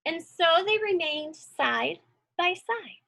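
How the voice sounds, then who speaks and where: Her voice very high, sharp and edged with vocal fry, a teacher slowly and expressively reads a story aloud at a children's read-along. She talks informally with her young listeners, encouraging them and frequently posing questions.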